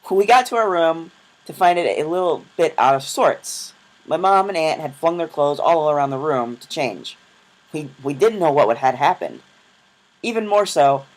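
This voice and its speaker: A young man narrates his travel vlog in a casual voice-over, telling stories in a chatty, self-deprecating way full of quick asides. His voice is a little high, and the recording is rough.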